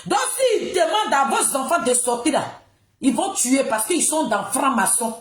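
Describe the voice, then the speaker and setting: In an echoey room, a woman with an Ivorian accent rants about politics in a high voice. Her intonation swings widely as she scolds her audience and hammers phrases by repeating them. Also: sing-song, unhurried, faint music behind. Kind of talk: impassioned political monologue addressed to the public. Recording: roomy, echoing sound.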